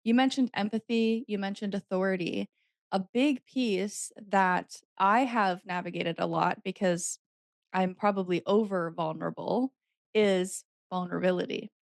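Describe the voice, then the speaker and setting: Gravelly-voiced woman podcast host. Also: mid-range voice, fairly even intonation, unhurried, no echo, clean studio sound. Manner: conversational, asks questions. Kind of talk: casual interview.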